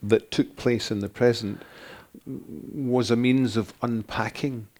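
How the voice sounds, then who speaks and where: An older man from Scotland, answering interview questions as an author in a thoughtful, halting way with many restarts. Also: medium pitch, fairly even intonation, a little mellow. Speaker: author guest.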